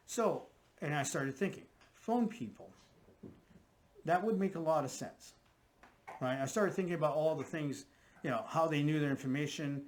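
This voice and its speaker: A man's voice: a little high, a little hiss or hum. A man, a profiler, talking through his theory in casual conversation and often checking in with "right?" and "okay?". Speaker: guest profiler.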